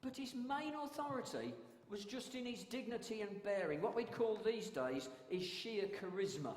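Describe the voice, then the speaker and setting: A man who works as a town crier, giving a public history talk with measured, emphatic oratory. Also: sits high. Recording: echoey hall with long reverb.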